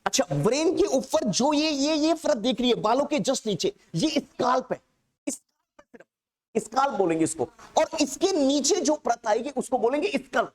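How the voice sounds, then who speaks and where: A male teacher lecturing in a classroom. He says key terms slowly, again and again, so students can copy them down. Between terms he coaxes and checks on the class in a fond, fatherly way. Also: very high voice, big pitch swings. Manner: keeps checking that students have understood; calls students "child" in an affectionate, coaxing way. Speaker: nursing exam teacher.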